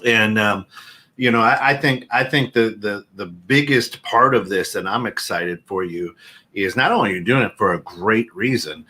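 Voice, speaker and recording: A man in his fifties co-hosts a loose talk show, wandering through his thoughts with plenty of fillers and jokes. His voice sits on the low side but comes across bright and forceful. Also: moderate pace, breathy edge. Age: 50s. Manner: rambling and joking, many fillers. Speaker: co-host. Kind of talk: casual chat.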